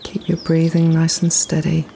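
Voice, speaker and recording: Soft, low-pitched woman guiding relaxation. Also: monotone, gravelly, a little hiss or hum, poor audio. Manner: soothing, gently instructing, unhurried pauses. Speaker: guided relaxation practitioner. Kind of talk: guided meditation narration.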